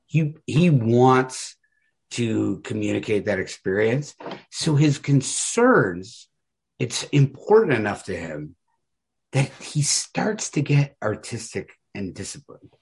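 A male podcast co-host talks casually yet earnestly about stories in a literary discussion, using slangy, informal language with lots of emphasis. His mid-range voice is sing-song, slow, husky and darkish, with vocal fry.

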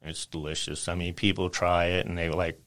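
A man, a guest on a podcast, telling lively stories and acting out the lines of customers. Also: low voice, moderate pace. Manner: animated storyteller, acts out customers' lines. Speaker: guest, spice rub maker. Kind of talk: casual storytelling chat.

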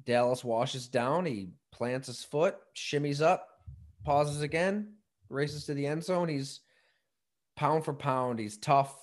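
A man giving relaxed sports commentary in a conversational way, thinking aloud and often breaking off mid-sentence. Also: fairly high pitch, slow pace. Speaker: football commentator on a sports talk show.

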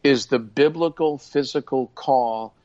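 An older man, a guest minister, speaks in a mid-range, darkish voice at an unhurried pace. He talks earnestly and preacherly in a casual podcast conversation, often restarting his sentences. The recording has a dull, lo-fi sound.

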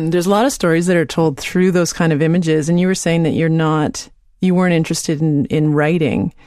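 Podcast host, young woman, friendly and easygoing, low voice, dry. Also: normal speed, darkish tone, no room sound. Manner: friendly, laughs easily. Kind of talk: conversational interview.

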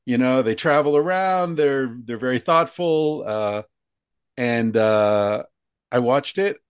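A man's voice: medium pitch, lively intonation, takes it slowly, smooth, no echo, studio quality. A man hosting a conversational interview, musing aloud with frequent restarts and fillers. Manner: thoughtful, rambling with many restarts. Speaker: podcast host.

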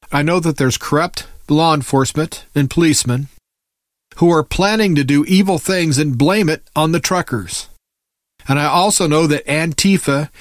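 Male commentator, slightly high-pitched, for an alarmed conspiracy-minded rant; emphatic, indignant, dry recording. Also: no room sound. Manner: emphatic, preachy, rhetorical questions. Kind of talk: impassioned political rant, monologue.

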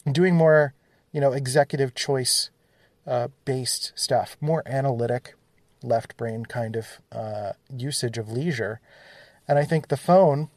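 A man's voice: mid-range voice, darkish tone, dry recording. A man hosting a solo podcast, thinking aloud casually with plenty of fillers, recorded on a phone in his studio. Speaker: podcast host.

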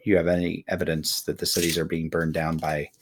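A man's voice: a bass voice, completely flat delivery, brisk, breathy edge. A man co-hosting a podcast in casual political talk, tired from an early start, often stammering and repeating words as he begins. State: tired, up since early morning. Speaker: podcast co-host.

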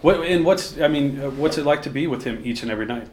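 A man's voice: mid-range voice, quick pace. Laid-back man interviewer in a roomy space. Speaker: podcast host. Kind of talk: casual interview. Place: backstage at a theater. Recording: roomy backstage echo, faint ambience.

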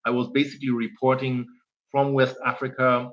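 A founder from Germany in his forties talks casually as an interview guest, wandering through his points with many "you know" fillers. His voice is medium in pitch at a normal speed, and the audio is dull.

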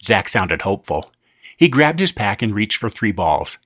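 A man narrating a children's storybook in an expressive, animated way. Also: lowish voice, moderate pace, no echo, clean studio sound.

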